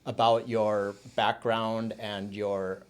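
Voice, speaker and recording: A man's voice: on the low side, flat delivery, takes it slowly, clean tone. A man hosting a podcast, reading a guest introduction and chatting in a friendly, upbeat way. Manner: upbeat, friendly interviewer who reads guest bios. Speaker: podcast host. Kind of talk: casual interview conversation.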